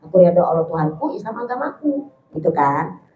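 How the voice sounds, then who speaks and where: A woman preacher with a lowish, expressive voice speaks fairly quickly while giving a casual religious study talk in a mosque hall. She's chatty and affectionate, calling her listeners "sayang." The recording is echoey and dull, with slight background noise.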